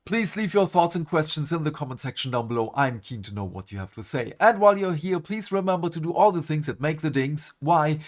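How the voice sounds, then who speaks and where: A man hosting a gaming channel, ranting animatedly to camera in a groggy morning voice and swearing for emphasis. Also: mid-range voice. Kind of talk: casual gaming commentary to camera.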